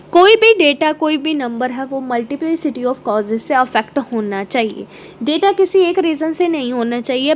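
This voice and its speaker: Woman, lecturer, high-pitched, exam prep lesson, step-by-step explaining, mixes in English terms, faint background hiss. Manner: explains step by step with frequent "ठीक है" check-ins.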